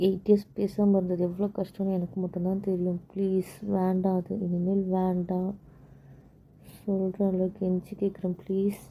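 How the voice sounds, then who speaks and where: A woman's voice: medium pitch, little pitch movement, moderate pace, warm tone. A woman voicing the wife in an amateur romantic audio drama, sounding hurt and pleading. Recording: dull lo-fi audio with faint noise.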